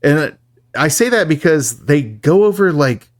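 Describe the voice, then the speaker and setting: A man's voice: fairly high pitch, animated, measured pace, no echo. Chatty guy doing a movie recap podcast, lots of laughs, dry close mic. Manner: chatty, jokey, laughs often. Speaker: podcast co-host recapping a film. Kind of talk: casual chat.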